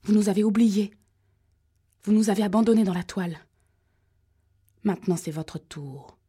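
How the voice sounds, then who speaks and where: A woman's voice: on the low side, normal speed, warm tone, slightly rough. Woman doing a whispery menacing caller. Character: agitated male caller, high metallic voice, menacing.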